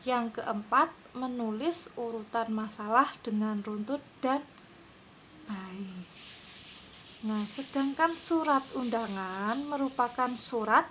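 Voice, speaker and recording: A woman's voice: a little high, bright, forceful tone, a little hiss or hum, low-quality recording. A woman teaching a lesson to her class, explaining patiently and often checking that her students are following.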